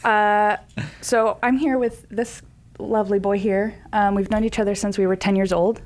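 Young woman, average pitch, casual chat, friendly, modest, slightly hesitant, game show contestant. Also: fairly even intonation, moderate pace, a little mellow. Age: young adult. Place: studio.

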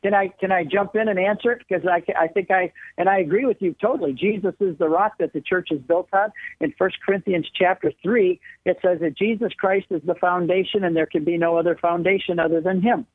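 A man speaks as a guest over the phone, his husky voice squeezed through a tinny line with no room sound at all. He explains eagerly, building his points step by step like a lecture. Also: high voice, steady tone, brisk, few pauses, dry recording. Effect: heard over a phone line. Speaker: radio show guest. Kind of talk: call-in radio explanation.

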